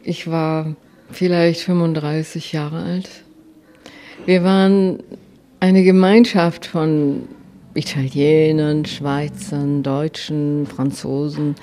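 A woman telling a personal anecdote to listeners, lively and animated, with frequent hesitations. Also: low-pitched, takes it slowly, a little hiss or hum. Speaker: storyteller.

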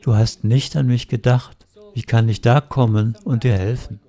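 Male interpreter with a warm, mellow voice, steady and measured. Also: mid-range voice. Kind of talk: interpreting a sermon.

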